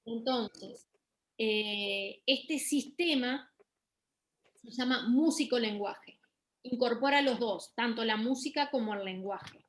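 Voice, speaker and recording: A woman's voice: a little high, takes it slowly, poor audio. A middle-aged woman giving a university lecture on music therapy, explaining patiently with fillers and restarts.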